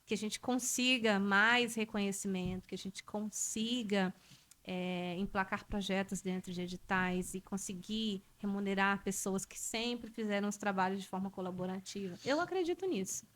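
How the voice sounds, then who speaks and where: Brazilian teacher woman chatting on a podcast, lively, keeps adding tag questions. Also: medium pitch, moderate pace. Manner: animated, laughs often, frequent tag questions. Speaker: guest, Portuguese teacher. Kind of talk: casual podcast conversation.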